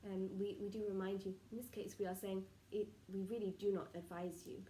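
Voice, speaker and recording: A solemn, benevolent collective of spirit guides speaks through a woman acting as trance medium in a soft, mellow voice. The seance-style counsel comes in formal, halting phrases with murmured pauses. It is picked up from a distance in an echoey room, with faint noise. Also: mid-range voice, fairly even intonation, lightly acted. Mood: solemn, insistent.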